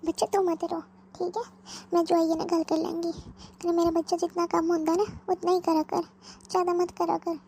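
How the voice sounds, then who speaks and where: A woman's voice: very high voice, little pitch movement, normal speed, a little mellow, slight background noise. Woman doing a fretful old mother. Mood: fretting. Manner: fretful, rambling, pleading. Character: worried older mother-in-law, anxious and fretting. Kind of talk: cartoon voice acting.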